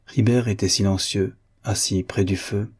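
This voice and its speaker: A man reads a classic novel aloud in a measured, literary manner. His voice is low, dark and mellow with a husky grain. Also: fairly even intonation. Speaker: audiobook reader. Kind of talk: scripted narration of a novel.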